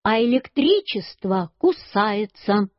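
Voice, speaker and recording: A woman's voice: mid-range voice, sing-song, slow pace, no room sound. A woman reading a children's story, voicing a cheeky little girl who snaps back at a boy. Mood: squabbling. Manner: snappy, teasing. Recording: dull lo-fi recording.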